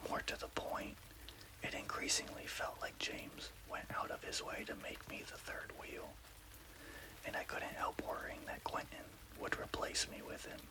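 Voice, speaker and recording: A man's voice: normal speed, rough recording. Male ASMR horror narrator, whispers throughout with no voicing, careful storyteller's delivery over rainfall. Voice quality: unvoiced, breathy whisper.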